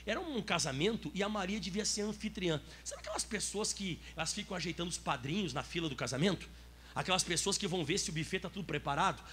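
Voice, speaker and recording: A man with a Brazilian Portuguese accent preaching a sermon as pastor, lively and asking the audience questions. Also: high voice, slightly rough.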